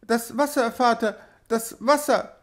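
A man's voice: very high voice, slow, pitched above the performer's own voice. A small, frightened girl in a storybook reading, as a man puts her on, anxious and pleading. Her voice sits well above the reader's own and moves unhurriedly. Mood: fearful. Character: timid frightened little girl. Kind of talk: audiobook reading.

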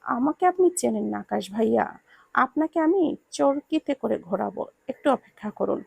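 A woman's voice: fairly high pitch, animated, normal speed, gravelly, darkish tone, husky, dry recording, exaggerated voice. A woman reading the lines of a hot-tempered, teasing young husband in a storybook reading. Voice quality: gritted, scolding delivery.

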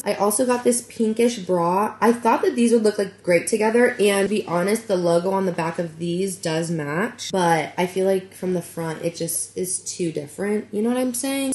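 Woman in her twenties, casual vlogger, bubbly and chatty, low-ish voice, echoey room. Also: a little hiss or hum. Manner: bubbly, chatty, filler-heavy. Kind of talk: casual vlog chat. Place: hotel room. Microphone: camera or phone held close.

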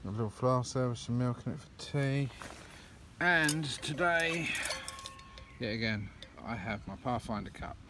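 A man in his 30s with a mid-range voice speaks at a measured pace, narrating a casual outdoors vlog on a woodland campsite and path. He rambles and chats with many ums, holding his phone camera at arm's length, so the open-air audio carries clear background noise.

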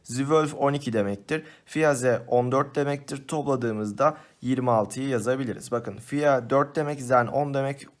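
A man's voice: medium pitch, moderate pace, hardly any pauses. A man explaining exam questions in a patient, step-by-step lesson voice-over. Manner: patient, step-by-step explaining, addresses students as friends. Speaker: teacher. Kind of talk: exam-prep lesson walkthrough.

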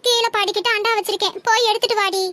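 A woman's voice: very high-pitched, steady tone, racing, sharp tone. A woman acting a worn-out mother who scolds and complains at length, in a comedy sketch. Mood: complaining. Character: exasperated mother, loud and scolding.

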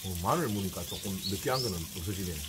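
A man's voice: sits low, fast. A man, talking while chewing and muttering to himself between bites as he eats on camera. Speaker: mukbang vlogger. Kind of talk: casual eating broadcast. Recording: noisy kitchen sounds behind.

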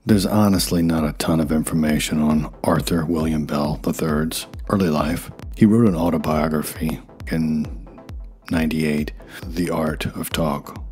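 A man's voice: very deep voice, darkish tone. A man in his forties reading scripted documentary narration with wry, self-deprecating asides. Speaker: YouTube narrator. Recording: faint music behind voice. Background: faint music.

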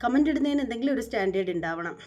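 A woman's voice: on the high side, lively intonation, racing, a little mellow. Chatty woman in her forties. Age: 40s. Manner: chatty, repetitive, sometimes indignant. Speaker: reaction channel host. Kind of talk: casual monologue to viewers.

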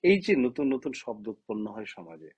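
A husky-voiced man speaks straight to the camera, a writer from Bangladesh making his case. He keeps firing impassioned rhetorical questions at his listeners. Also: mid-range voice, very animated, moderate pace, a little mellow. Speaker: writer giving a talk. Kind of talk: direct-to-camera opinion talk.

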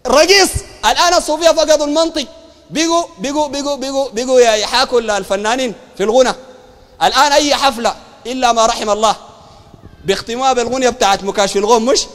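A man with a Sudanese Arabic accent and a very high voice preaches a colloquial sermon at a very fast clip, animated and mocking, packed with rhetorical questions. A long reverb tail trails his words.

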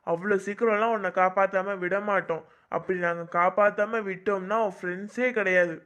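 A woman's voice: medium pitch, fairly even intonation, brisk, fairly bright tone. A woman acting in an amateur horror drama, calling out worriedly.

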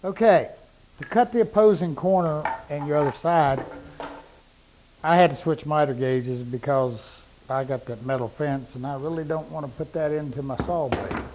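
Over background noise from the power saws in his woodworking shop, a middle-aged instructor walks through cuts at a normal speed. His voice is fairly high, his talk is plain, and he repeats points for emphasis into a lapel mic as he works.

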